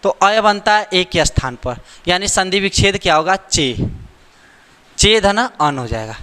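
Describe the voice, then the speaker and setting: A man's voice: high voice, expressive, measured pace, pushed and bright, smooth, long reverb tail. A man teaching a grammar lesson, repeating the rules and asking rhetorical questions to check that students follow. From India.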